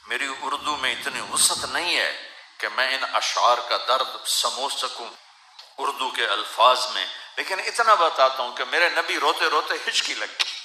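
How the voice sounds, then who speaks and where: A man's voice: mid-range voice, sharp tone, echoey room, slight background noise, poor audio. A man preaching an emotional sermon, weeping as he speaks, in a pleading, lamenting way. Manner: tearful, pleading, recites verse in a rising lament.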